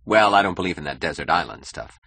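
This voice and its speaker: A man's voice: low-pitched, lively intonation, fast talker, creaky, bright, forceful tone, husky, no echo, exaggerated voice. A man voicing an insecure, status-hungry young husband who talks eagerly and boastfully in an audiobook. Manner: eager, boastful, nervously defensive. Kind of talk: audiobook character voice.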